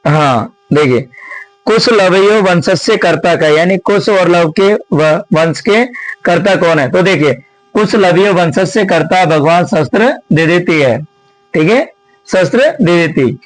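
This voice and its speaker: A man with a fairly high voice works through an exam answer key like a teacher at the board. He often asks a question and answers it himself, and keeps calling his viewers friends. The sound is dry and close, with no room around it. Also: expressive, a little slow, no echo, poor audio. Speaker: Sanskrit teacher.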